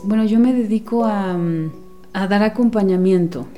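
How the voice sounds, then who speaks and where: A woman in her forties from Guatemala, a guest speaking softly in an interview and searching for words with many pauses and restarts. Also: medium pitch, soft background music. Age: 40s. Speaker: guest, women's companion and former teacher. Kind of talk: unhurried interview talk.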